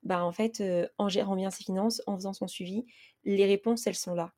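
Chatty young woman, mellow voice. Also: mid-range voice, fairly even intonation, brisk. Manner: chatty, conversational, many fillers. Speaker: podcast host. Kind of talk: casual solo podcast chat. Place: at home. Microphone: raised mic, holding a baby.

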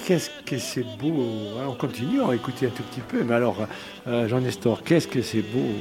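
A man hosting a chatty radio show, telling stories in a lively way with many hesitations. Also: medium pitch, fairly quick, music in the background. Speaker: radio host.

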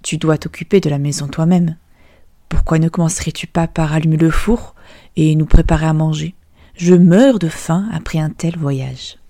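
A woman voicing a poor, gruff male fiddler in a storybook reading, with a lowered voice. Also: steady tone, normal speed, warm tone, no echo, clean studio sound.

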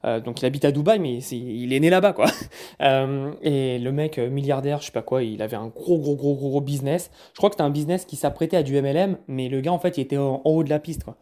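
Casual French vlogger, dark mellow voice, rambling with frequent restarts. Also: male voice, medium pitch, fast. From France. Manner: chatty, stumbles and repeats words. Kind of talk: casual recap vlog.

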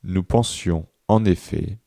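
A man reading a dictation aloud, deliberately repeating each phrase and speaking the punctuation marks. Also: sits low, vocal fry, mellow, no room sound, clean studio sound. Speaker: dictation reader.

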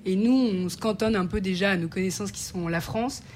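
A woman's voice: medium pitch, brisk, darkish tone, slight background noise. A woman in her twenties, a business student guest on radio, explaining eagerly with many fillers. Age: 20s. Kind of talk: radio interview.

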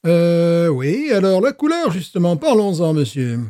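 A man's voice: high voice, very animated, a little slow, warm tone, no echo, clean studio sound. A man chatting casually while tasting beer, joking and playing with words between hesitant fillers. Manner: jokey, wordplay, hesitant fillers. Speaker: beer taster. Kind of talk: casual chat.

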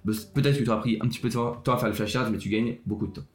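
A man's voice: mid-range voice, racing. A young man hosting a casual student podcast, talking straight to the listener in a chatty way, often restarting his sentences. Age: young adult. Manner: chatty, speaks directly to the listener, hesitant restarts. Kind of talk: casual solo podcast talk. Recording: roomy echo with faint music.

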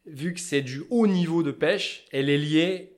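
Vosges-accent guy, loud and fired up, kinda high voice, just chatting away. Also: measured pace. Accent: Vosges French. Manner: loud, passionate, talkative. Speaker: fly-tying business owner, guest. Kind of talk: casual interview chat.

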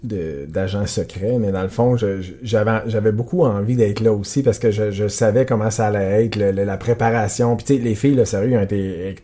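A man with a Quebec French accent co-hosting a podcast, telling a story in casual, animated chat, with stammered restarts and English words mixed in. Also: fairly low pitch, a little fast, few pauses. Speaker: podcast co-host.

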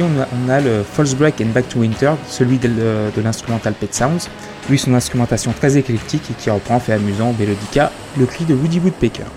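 A man hosting a casual music chronicle, talking with frequent fillers and restarts. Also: mid-range voice. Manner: hesitant, many fillers and restarts. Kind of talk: casual spoken music review. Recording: music playing behind the voice.

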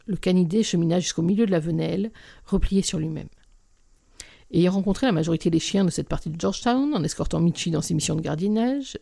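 A woman narrates a first-person story in an expressive, dramatic manner. Her voice has a gravelly, creaky edge. Her tone is mellow and warm. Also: fairly low pitch.

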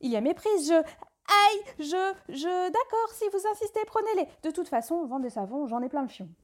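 A woman playing a brash female street hawker selling soap in rhyming patter, her pitch jumping around. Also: lively intonation, moderate pace. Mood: flustered. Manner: sing-song rhyming sales patter, jumpy pitch.

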